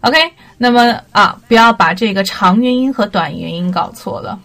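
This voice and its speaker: A woman's voice: mid-range voice, normal speed, gravelly, a bit bright. A young woman hosting a casual pronunciation lesson, mixing Mandarin with English words and spelling them out letter by letter. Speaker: English pronunciation teacher, podcast host.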